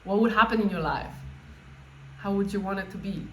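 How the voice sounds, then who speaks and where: A woman coach leading an informal guided meditation, speaking off the cuff in a halting way and often rephrasing herself. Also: medium pitch, fairly even intonation. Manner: halting, spontaneous, with repeated words and rephrasing. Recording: echoey room with faint background noise.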